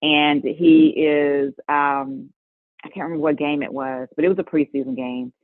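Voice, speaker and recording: A middle-aged woman being interviewed, telling stories in a lively way and laughing often. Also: sits low, normal speed, no room sound. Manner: lively storytelling with frequent laughs. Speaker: guest, mother of an NBA player. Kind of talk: conversational interview storytelling. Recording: tinny phone-line audio, dry.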